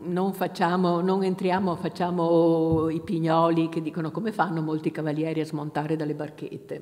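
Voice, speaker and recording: A woman's voice: fairly low pitch, mellow. Italian woman lecturing in a reverberant hall. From Italy. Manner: hesitant, many fillers, reads quotations aloud. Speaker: university lecturer. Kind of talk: academic lecture.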